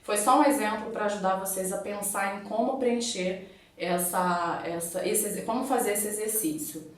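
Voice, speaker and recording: A woman's voice: medium pitch, moderate pace. Brazilian woman teaching in an echoey room. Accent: Brazilian Portuguese. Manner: patient, explains step by step with examples. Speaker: psychologist. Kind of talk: explanatory online video lesson. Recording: very echoey room, voice far from mic.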